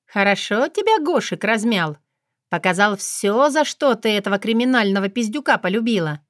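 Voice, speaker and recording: A woman voicing a blunt, teasing young woman friend who is hungover and whiny, with a hoarse voice, in an audiobook. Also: medium pitch, expressive, normal speed, no echo, clean studio sound, lightly acted. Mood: crude teasing. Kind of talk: audiobook character voice.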